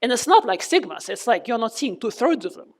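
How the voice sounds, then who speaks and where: Woman lecturer talking thru a face mask, kinda high muffled voice, asks the class questions. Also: sing-song, a little fast. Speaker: physics lecturer. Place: lecture room.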